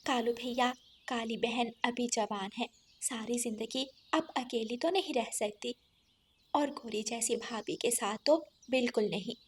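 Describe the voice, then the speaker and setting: A woman voicing a gentle, kind sparrow. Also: a little high, fairly even intonation, unhurried, a little hiss or hum, close to an everyday voice. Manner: soft, soothing, reassuring.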